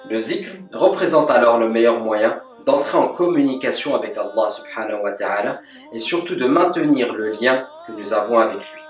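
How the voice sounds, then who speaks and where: Reading a scripted voice-over lesson, a French-speaking religious teacher uses a devotional, calm and measured delivery that includes Arabic formulas. His voice is mid-range, and the recording sounds distant and echoey, with a roomy feel.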